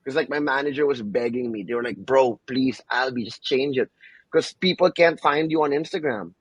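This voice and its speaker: A man's voice: mid-range voice, normal speed, breathy edge, dry recording, highs cut off. A young man from the Philippines hosting a casual podcast chat, laid-back and peppering his talk with "bro" and "you know what I mean". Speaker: podcast host.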